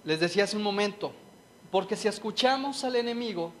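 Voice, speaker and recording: A man preaching a sermon and sharing a personal testimony, speaking earnestly and with deep feeling straight to his listeners. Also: fairly quick, slight background noise.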